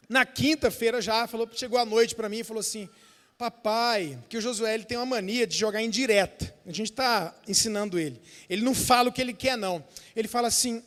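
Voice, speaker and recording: A Brazilian pastor preaching through family stories, animated and playful, often laughing. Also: male voice, very high voice, big-room sound. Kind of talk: sermon storytelling.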